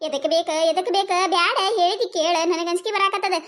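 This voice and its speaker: A woman's voice: very high-pitched, a little fast, fairly bright tone. A woman doing a timid village gossip. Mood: fretful. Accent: North Karnataka Kannada. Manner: fretful, repeats worried phrases.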